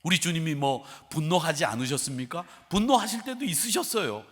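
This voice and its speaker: A middle-aged male pastor preaching a sermon with storytelling, animated, swinging between quiet asides and loud outbursts, with a husky voice. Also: on the high side, a little fast. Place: church sanctuary. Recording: sanctuary with long reverb.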